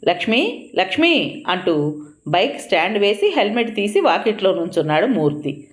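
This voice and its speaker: A woman narrating a comic story in a playful, lively way. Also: medium pitch, normal speed.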